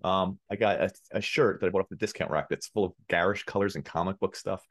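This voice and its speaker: A man's voice: sits low, steady tone, fast. A young man co-hosting a podcast, chatting casually and telling jokey stories. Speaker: podcast co-host. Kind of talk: casual chat.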